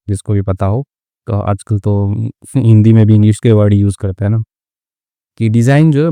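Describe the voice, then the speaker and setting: A man with a warm, mellow voice teaches English through a story. He reads each line, stops to gloss it phrase by phrase, and keeps the tone patient and chatty. The sound is close and dry, with no room around it. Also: fairly low pitch, clean tone, dry recording. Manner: reads English lines slowly, then glosses them.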